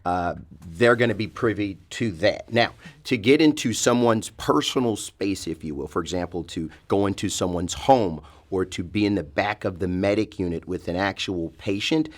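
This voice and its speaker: A man's voice: low-pitched, moderate pace. A man answering interview questions as a fire department spokesman, explaining conversationally with frequent asides.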